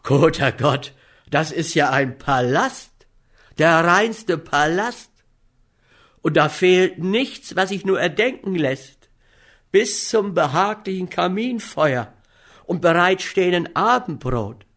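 A man's voice: high-pitched, animated, slow, fairly bright tone, pitched above the performer's own voice, exaggerated voice. Overwrought storybook friend, gloomy and lamenting, voiced by the male reader. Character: young man, gloomy, poor and dramatic. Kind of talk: audiobook character voice.

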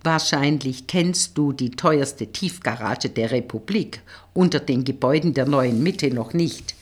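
A woman reading an audiobook, voicing a confident, flirtatious male police colleague in a slightly lowered, teasing tone. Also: unhurried, slightly rough, heavily acted. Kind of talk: audiobook character voice.

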